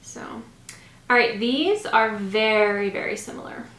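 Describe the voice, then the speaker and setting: In an unhurried, expressive way, this thirtysomething beauty vlogger reviews makeup and chats casually to camera, gushing as she goes. Her medium-pitched voice is fairly bright and slightly scratchy, echoing in a small room at home.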